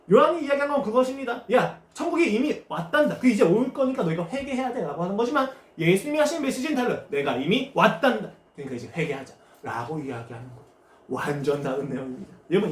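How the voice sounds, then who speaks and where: A man's voice: high-pitched, darkish tone. A male pastor preaching a Sunday sermon, asking rhetorical questions and acting out quotes. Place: church sanctuary. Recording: echoey church room, faint noise.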